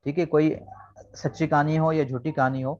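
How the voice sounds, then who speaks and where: A man's voice: a little high, level tone, moderate pace, darkish tone, lo-fi sound. A man teaching an online English lesson, explaining words patiently and repeating key points. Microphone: video call.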